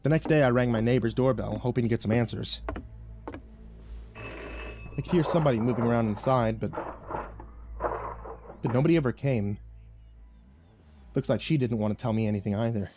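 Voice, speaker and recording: A man's voice: mid-range voice, normal speed, long pauses, a little mellow, soft background music. Tense male horror story narrator. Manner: tense, with nervous stammers. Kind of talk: first-person creepypasta narration.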